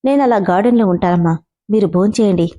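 A woman's voice: medium pitch, fast talker, mellow, natural voice. A woman voicing a heartbroken, stubborn young man who insists he is right, in a spoken storybook. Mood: sorrowful. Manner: pained, insistent.

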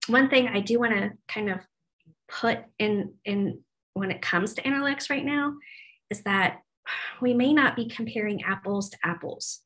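Training staff on a video call, a woman in her forties who presents on web development speaks through a laptop mic with poor audio. Her voice is mid-range and a bit bright, moving at a moderate pace. She's casual and chatty, with many ums and restarts.

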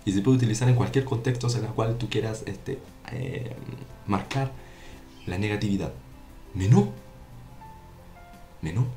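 A man's voice: lowish voice, moderate pace, mellow. A man giving a casual online French lesson in Spanish, repeating examples and often checking that the viewer understands. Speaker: French teacher. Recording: roomy echo with faint music.

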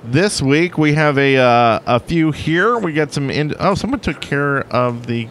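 Lively-pitched man chatting on a stream. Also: a little hiss or hum. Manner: rambling, halting with fillers. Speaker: podcast co-host. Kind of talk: casual live-stream chat.

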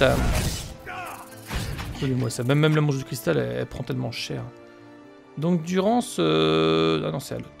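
A man's voice: mid-range voice, gravelly. A man hosting a let's play, joking with the characters and reading game text aloud. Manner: joking, chatty, talks to the characters on screen.

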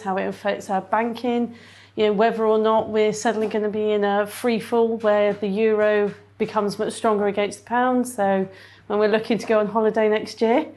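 A woman's voice: mid-range voice, darkish tone. A woman in her forties explaining her view at length in an office interview. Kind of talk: sit-down interview. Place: indoor office.

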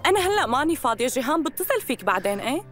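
A woman's voice: high-pitched, sing-song, rapid-fire, fairly bright tone, faint music behind. A woman in her thirties with a Syrian accent, playing a persuasive, manipulative young woman in dubbed TV drama, coaxing and insistent. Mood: smooth, needling.

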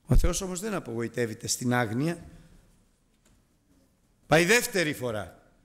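A man's voice: medium pitch, sing-song, a bit bright. A man teaching a preaching Bible lesson, firing rhetorical questions at his listeners with self-mocking asides.

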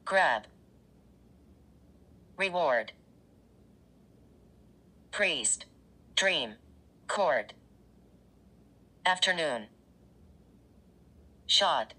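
A woman's voice comes through a spirit box radio sweep as single isolated words from a scanning radio device. It is low, very slow and husky, with a bright, sharp edge. Some words sound distant. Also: expressive. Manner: utters isolated one-word answers. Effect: spirit box radio sweep, single words between static.

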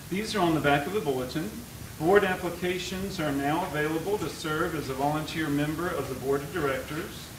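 A man leads a church service, walking the congregation through announcements and songs in plain, explanatory words. His voice sits a little high and comes from across a reverberant sanctuary. There is steady noise under it. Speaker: worship leader. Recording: echoey sanctuary, far mic, noisy.

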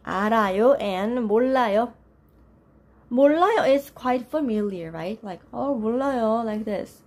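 A young woman with a voice gone low and rough from just waking up, teaching a live online class. She chats with viewers, greets them by name and laughs often. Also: expressive, a little fast, darkish tone. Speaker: Korean language teacher. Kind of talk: live-streamed lesson with chat.

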